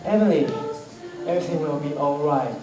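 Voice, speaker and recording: A performer acting a calm, reassuring father of the bride in an amateur stage play. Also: mid-range voice, fairly quick, close to an everyday voice. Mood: soothing. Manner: soothing, fatherly. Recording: echoey hall, far from the mic, music behind.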